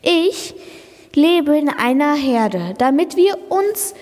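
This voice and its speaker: A woman's voice: sits high, very animated, slow, darkish tone, long reverb tail, full character voice. A young speaker voicing a friendly female Brachiosaurus who patiently explains facts in a children's podcast play. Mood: friendly explaining. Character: friendly female Brachiosaurus, calm plant-eater.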